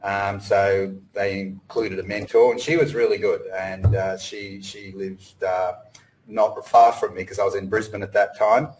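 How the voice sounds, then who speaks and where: Middle-aged guy from australia, low-ish voice, rambling webinar talk full of ums. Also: level tone, a little slow, darkish tone, slight background noise, low-quality recording. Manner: rambling, many fillers and restarts. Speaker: webinar presenter. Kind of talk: casual presentation. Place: home in Cambodia.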